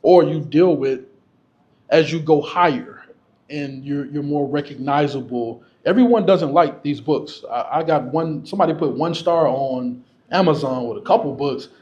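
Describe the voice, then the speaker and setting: A man's voice: fairly high pitch, moderate pace, darkish tone, dull audio. A man speaking candidly and casually to an audience as a featured guest, laughing often. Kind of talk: candid storytelling to a live audience.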